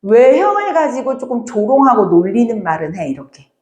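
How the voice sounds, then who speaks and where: Animated woman teacher in an echoey classroom. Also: a little high, normal speed, highs cut off. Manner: lively, acts out characters' lines, addresses students directly. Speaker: Korean literature teacher. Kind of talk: classroom lecture.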